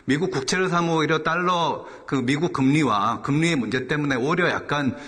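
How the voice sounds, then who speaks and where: A man's voice: on the high side, fairly quick, a bit bright. A man giving formal, guarded and deferential answers as a government official at a hearing. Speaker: government vice minister. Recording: echoey assembly hall.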